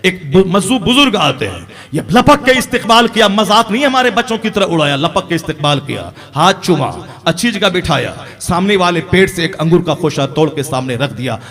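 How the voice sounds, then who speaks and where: A man preaching an impassioned sermon as an Islamic preacher, rising to loud emphatic peaks. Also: sits high, sing-song, moderate pace.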